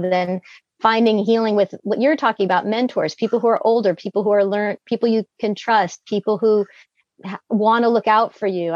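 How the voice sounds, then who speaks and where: A woman interviewer asking reflective questions in measured, thoughtful phrasing. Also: mid-range voice, a little mellow, dry recording. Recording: dry, slightly muffled recording.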